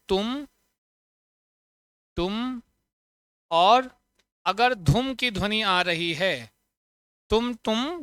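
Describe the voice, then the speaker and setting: A man teaching a Sanskrit grammar lesson for exams, chanting sound patterns and firing quick questions at students. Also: high voice, sharp tone, clean tone, dry recording. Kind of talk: online exam-prep lesson.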